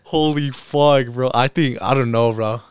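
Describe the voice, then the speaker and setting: A man's voice: mid-range voice, steady tone, unhurried, clear, resonant tone, no echo. A young man chatting casually like a frat bro, with lots of slang and swearing. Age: young adult. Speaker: podcast host. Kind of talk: casual chat.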